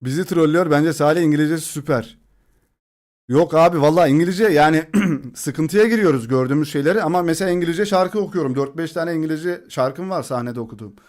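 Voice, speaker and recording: A man's voice: fairly high pitch, fast, darkish tone. A young man streaming live, chatting casually with viewers, joking around and laughing often.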